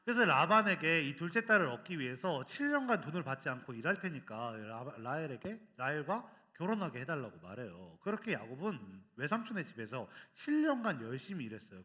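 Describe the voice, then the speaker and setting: A man preaching at a children's worship service, telling a funny story with lively energy and quizzing the kids with questions as he goes. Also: on the high side, fairly quick, few pauses.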